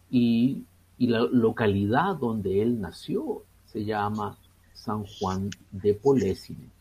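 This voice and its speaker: This guest on a radio interview is a Chilean priest in his sixties with a Chilean Spanish accent, speaking slowly, hesitating and filling pauses with many fillers. His lowish voice is creaky and husky, with a warm tone.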